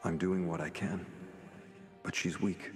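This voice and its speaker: An actor playing a persuasive scientist heard in a memory in a video game, measured and coaxing. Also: male voice, low voice, steady tone. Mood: grave, coaxing. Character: soft-spoken, persuasive male scientist in a memory. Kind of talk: dramatic video game acting. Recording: long reverb, music behind.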